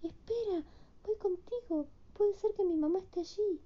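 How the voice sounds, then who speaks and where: A woman voicing a brave little girl from a storybook, worried about her mother, in a high, eager, pleading voice. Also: normal speed, highs cut off. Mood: anxious.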